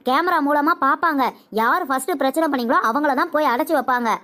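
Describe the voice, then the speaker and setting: A woman voicing a calm young niece in a comedic cartoon, reasoning and soothing to end a quarrel. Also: high voice, fast talker. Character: calm young niece trying to keep peace.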